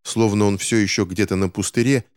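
A man reading a novel aloud in measured scripted narration. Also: on the low side, steady tone, a little mellow, clean tone, dry recording, studio quality. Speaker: audiobook narrator.

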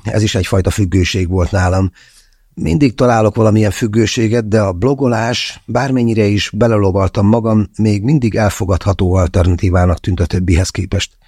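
A male audiobook narrator with a low, husky voice tells the story in first person, wry and confessional. The tone is dark and mellow, with no breathiness lost to the room. It is recorded dry and close. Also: no echo.

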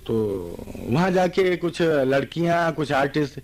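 Older man, radio guest, storytelling, slightly high voice, animated. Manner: lively raconteur acting out dialogue. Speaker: interview guest. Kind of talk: anecdotal storytelling. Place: radio studio.

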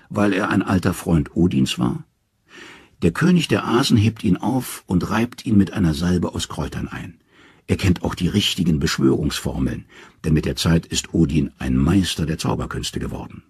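Deep, raspy, dramatic audiobook narrator man. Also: a little mellow, no echo, studio quality. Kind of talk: scripted storybook narration.

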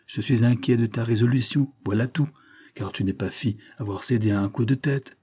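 A man doing a grave, gentle old grandfather. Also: medium pitch, brisk, husky, close to an everyday voice. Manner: grave, tender.

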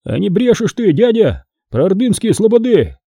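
A man's voice: high-pitched, sing-song, normal speed, creaky, warm tone, husky, no echo, studio quality, voice pushed up, exaggerated voice. A male narrator voicing doubtful, grumbling peasant men questioning a stranger in an audiobook. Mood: skeptical. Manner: skeptical, querulous.

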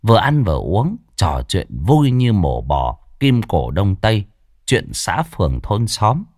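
Lively storyteller man. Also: on the low side, unhurried, no echo, studio quality. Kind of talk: comic ghost story narration.

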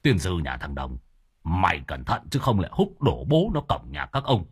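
List: grumpy old villager, done by a man, low scolding voice, husky. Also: huge pitch swings, normal speed, exaggerated voice.

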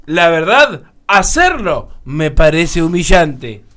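A man's voice: on the high side, big pitch swings, slow pace, a bit bright. A man with a Rioplatense accent, reading listener questions aloud and joking in a casual talk show. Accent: Rioplatense Spanish. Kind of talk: casual radio chat.

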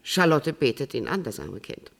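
A gravelly, composed prisoner. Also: female voice, very deep voice, big pitch swings, full character voice. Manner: composed, measured, precise about wording. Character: composed middle-aged woman in custody. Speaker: prisoner on remand giving an interview. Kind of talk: radio drama acting.

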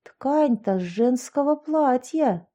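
A woman voicing a bold, excitable young woman friend in an audiobook story. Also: high voice, takes it slowly, voice pushed up. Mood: excited. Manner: brash, excitable, cheeky.

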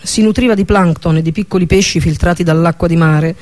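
A man narrating a fantasy audiobook with a steady, even reading manner. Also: on the high side, brisk. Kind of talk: scripted narration of a fantasy novel.

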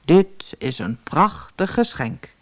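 A woman voicing an aging king in a storybook, speaking in a lowered voice that stammers and hesitates. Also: sing-song, takes it slowly. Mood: courteous. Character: older king of Persia, proud but hesitant.

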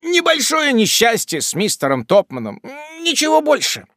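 A man playing a blunt elderly country gentleman. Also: extremely high pitch, huge pitch swings, normal speed, no room sound, clean studio sound, pitched above the performer's own voice, heavily acted. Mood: reassuring. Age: older. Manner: blunt, rather gruff. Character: elderly country gentleman host, brusque and practical. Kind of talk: audiobook character voice.

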